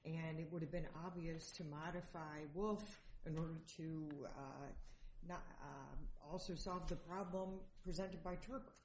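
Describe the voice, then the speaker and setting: A woman's voice: low-pitched, fairly even intonation, measured pace, darkish tone, a little hiss or hum. A woman judge questioning counsel from the bench, probing and careful. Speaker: appeals judge. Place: courtroom. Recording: roomy courtroom recording.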